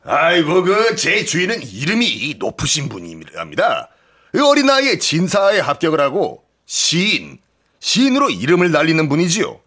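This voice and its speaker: A man's voice: a little high, huge pitch swings, moderate pace, fairly bright tone, husky, full character voice. An actor playing a sly, scheming male servant in a radio drama reading, wheedling and theatrical. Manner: cunning, fawning, theatrical pleading.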